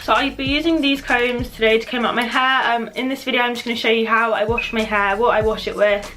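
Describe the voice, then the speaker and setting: A woman's voice: fairly high pitch, fairly even intonation, fairly quick, bright, forceful tone, slight background noise, low-quality recording. A woman vlogging casually about her routine, chatty and informal with self-deprecating asides. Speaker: beauty vlogger.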